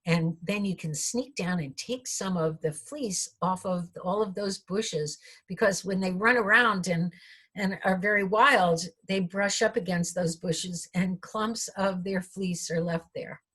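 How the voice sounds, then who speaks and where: A woman storyteller voicing a helpful magic reed spirit in a thin, hushed voice. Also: on the low side, a little slow, breathy edge. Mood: calmly instructing.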